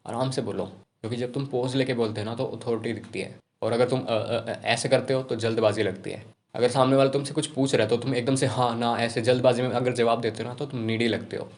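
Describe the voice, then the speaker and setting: A young man giving casual self-improvement advice to camera, talking rapidly and informally. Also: medium pitch, a little mellow. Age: young adult.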